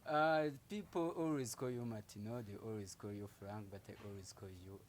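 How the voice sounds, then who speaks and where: A man's voice: lowish voice, normal speed, a little hiss or hum. A man hosting a casual interview, asking friendly questions and murmuring brief agreement. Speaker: host.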